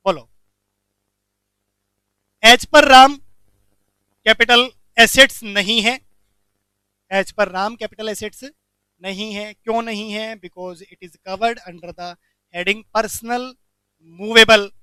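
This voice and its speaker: A man teaching a commerce lecture, animated, asking the class questions and answering them himself. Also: high-pitched, drawn-out words, pauses often, clear, resonant tone, no echo.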